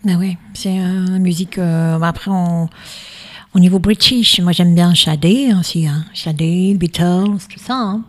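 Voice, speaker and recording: A Moroccan-born woman of Sicilian descent, a singer guest, chatting in short lively remarks. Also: lowish voice, measured pace.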